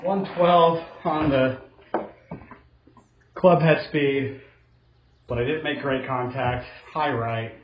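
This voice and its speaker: A middle-aged man talks through his own golf shots like a casual commentator, low-key and hard on himself. His medium-pitched voice sits in a roomy indoor echo, a little dull, with faint noise behind it. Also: fairly even intonation, takes it slowly, pauses often. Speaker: golfer narrating his own simulator round. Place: indoor home golf simulator room.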